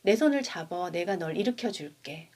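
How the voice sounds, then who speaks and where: A woman playing a big gentle gorilla boy. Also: lowish voice, lively intonation, moderate pace. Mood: caring. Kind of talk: picture book read-aloud.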